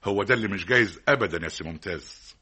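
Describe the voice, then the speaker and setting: A man's voice: low-pitched, racing, pushed and bright, breathy edge, heavily acted. An actor with an Egyptian accent playing a stern, hardworking middle-aged father who lectures his son with rhetorical repetition, in a classic radio drama. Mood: lecturing. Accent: Egyptian Arabic.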